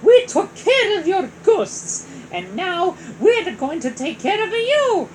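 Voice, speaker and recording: A woman voicing a brave young male plumber hero who calls out eagerly in a raised, high voice. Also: very animated, slow, a little hiss or hum, full character voice. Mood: confident.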